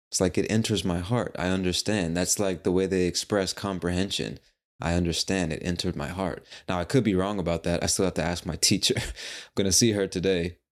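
Deep-voiced man hosting podcast. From United States. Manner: casual, rambling, swears, playful asides. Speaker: podcast host. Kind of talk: casual solo podcast monologue.

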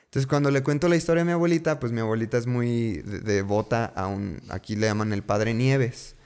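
A man with a Mexican accent tells a story from his own life in a relaxed, chatty way. He loops back on words for emphasis and throws in slangy asides. His voice sits at a middle pitch for a man. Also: brisk, clean tone. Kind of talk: casual storytelling.

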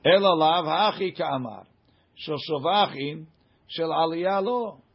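A man with a higher, husky voice and some vocal fry leads an informal Talmud class at a measured, expressive pace. He reads and explains the text emphatically, framing it as questions and answers. The recording is muffled and lo-fi.

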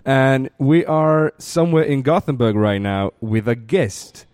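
Male podcast host, mid pitch, dry close sound, upbeat and laughing. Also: unhurried, a little mellow, smooth, no room sound. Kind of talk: casual interview chat.

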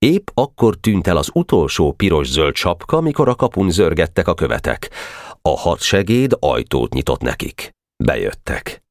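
A male audiobook narrator reads in a measured, expressive way. His voice is deep, with a lively, wide-ranging melody. The recording is close and dry. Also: no echo. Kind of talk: scripted narration.

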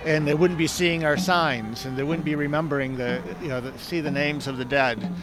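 A man who is a protester speaking reflectively and haltingly in an interview outdoors by a road. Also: a little high, fairly even intonation, over music, rough recording. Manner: halting, repeats words.

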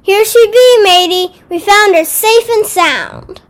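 A woman doing a high playful pirate bunny. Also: slow. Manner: gruff pirate talk, playful and loud. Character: young boy rabbit playing a bold pirate captain.

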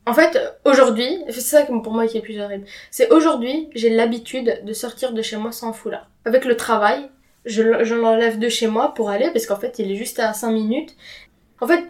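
As a podcast guest, a young woman whose first language is Arabic chats openly and informally about her life, her voice a little high. She uses slang and drops in an English word here and there.

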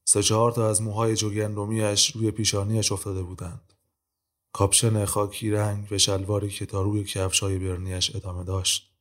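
A man narrating an audio drama in a steady, measured way. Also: lowish voice.

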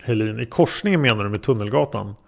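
A man's voice: fairly low pitch, lively intonation, vocal fry. A man voicing a male prosecutor who questions a witness step by step, in a methodical way. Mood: probing.

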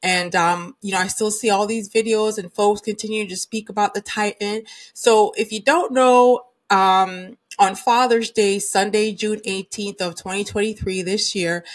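A woman hosting her own podcast, talking casually and chattily with many fillers. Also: medium pitch. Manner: chatty, uses many fillers like um and you know. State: recovering from a cold and sinus infection. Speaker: podcast host. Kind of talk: casual solo podcast talk.

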